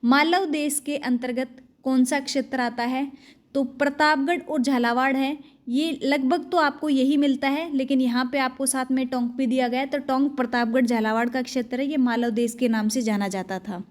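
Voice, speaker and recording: A young woman teacher working quickly through exam questions, asking each question and then giving the answer. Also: sits high, fairly even intonation. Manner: fast, brisk question-and-answer delivery. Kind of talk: exam-prep quiz lesson.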